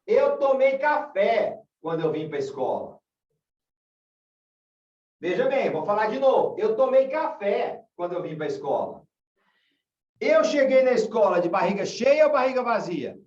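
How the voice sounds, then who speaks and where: A man's voice: high voice, big pitch swings, measured pace, a little mellow, far from the mic. A man from Brazil teaching a class, asking questions and repeating example sentences. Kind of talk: online class lesson. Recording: dull, echoey room from afar.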